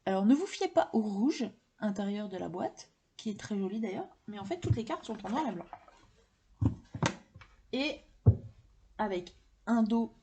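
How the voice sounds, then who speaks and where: A woman's voice: medium pitch, very animated, measured pace, long pauses, dark tone, a little hiss or hum. A woman chatting casually to camera, enthusiastic and rambling with many fillers as she shows her card deck collection. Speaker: tarot and oracle deck collector showing her decks.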